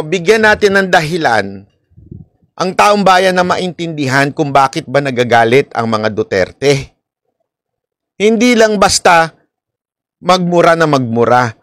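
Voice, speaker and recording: A man's voice: a little high, a bit bright, no room sound, studio quality. A man from the Philippines giving casual, chatty political commentary, laughing often and talking straight to his viewers.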